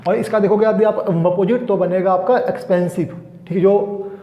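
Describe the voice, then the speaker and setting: Indian male vocab teacher, high voice, casual explaining with lots of fillers and restarts, roomy dull recording. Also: steady tone, moderate pace. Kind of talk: classroom lesson explaining words.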